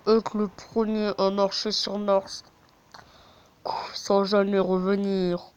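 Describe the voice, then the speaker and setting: A man putting on a slow, flat, ominous announcer voice to read out questions. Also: high-pitched, smooth, pitched below the performer's own voice. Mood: solemn. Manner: flat, drawn-out, ominous delivery. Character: deep slow solemn male announcer voice.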